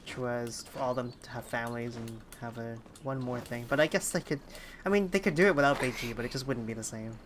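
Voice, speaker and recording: A game streamer chats casually on a livestream from an indoor streaming setup, thinking aloud in a hesitant, rambling way. The voice is mid-range and brisk, with slight background noise.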